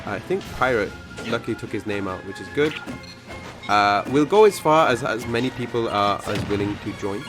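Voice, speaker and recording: A man's voice: lowish voice, lively intonation, normal speed. A man hosting a live game tournament stream, chatting casually with viewers, rambling with many fillers and self-corrections. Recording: game music playing behind.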